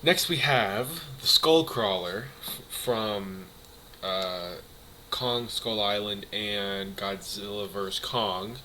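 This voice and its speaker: A man's voice: on the low side, slow pace. Young man ranking villains, noisy recording. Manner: opinionated, animated, frequent restarts. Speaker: co-host ranking movie villains. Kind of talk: casual chat.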